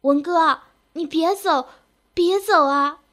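A woman voicing a young lovesick village girl who clings and pleads in a high, tearful voice. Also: lively intonation, unhurried. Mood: sobbing plea.

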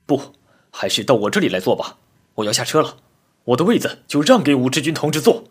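A man's voice: mid-range voice, big pitch swings, a little fast, slightly rough, voice pushed up. A man voicing a moved male passenger who speaks earnestly. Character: moved male passenger, eager to give up his seat.

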